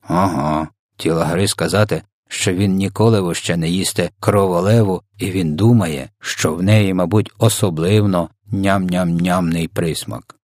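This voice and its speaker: A man voicing a big, kind old giant who talks slowly and mangles his words. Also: low-pitched, darkish tone, dry recording, studio quality. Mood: gentle, stubborn.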